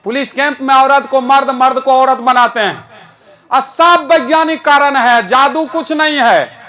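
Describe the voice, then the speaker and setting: A man's voice: very high-pitched, steady tone, unhurried, pushed and bright. A man performing a live magic show, joking and giving orders to a boy and the audience. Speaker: stage magician and rationalist speaker. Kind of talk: live magic demonstration with explanatory talk.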